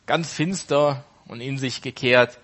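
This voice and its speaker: A man's voice: medium pitch, a little slow, a bit bright. A man casually retelling a parable off the cuff, correcting himself as he goes. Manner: unscripted, with fillers and self-corrections.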